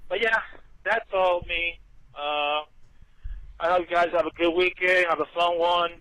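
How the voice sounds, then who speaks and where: A man's voice: high-pitched, fairly even intonation, measured pace, pushed and bright, dry recording, poor audio. A tired man leaving a casual voice message from a moving car, played back through a speaker, swearing freely. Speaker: listener calling in with a voice message.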